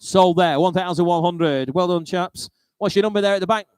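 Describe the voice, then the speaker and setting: Clear-voiced British male auctioneer, higher pitched. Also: fast talker, a little mellow, dry recording, clean studio sound. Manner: informal, chatty, wry asides between bids. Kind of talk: live auctioneering, rolling bid-calling chant with repeated prices.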